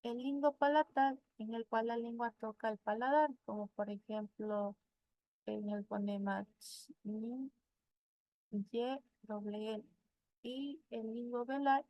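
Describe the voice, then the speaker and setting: A woman's voice: on the high side, a little mellow, poor audio. A woman student giving a class presentation, methodically going through examples one by one.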